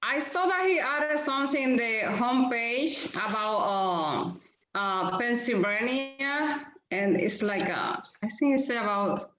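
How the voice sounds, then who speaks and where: A woman's voice: fairly high pitch, fairly bright tone, slight background noise. Laughing woman from the Dominican Republic. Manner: laughs often, slightly halting English. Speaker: caller. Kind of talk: casual group video call. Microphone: video call. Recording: echoey, dull video-call audio.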